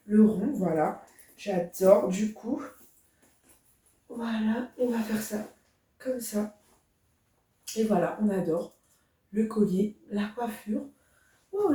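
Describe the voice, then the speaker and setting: A young woman chatting casually and enthusiastically to her viewers in a get-ready-with-me video, speaking softly to a camera set up at a distance. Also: mid-range voice. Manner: soft-spoken. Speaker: beauty vlogger. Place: indoor room. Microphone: camera standing at a distance. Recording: very echoey room, voice far from the mic.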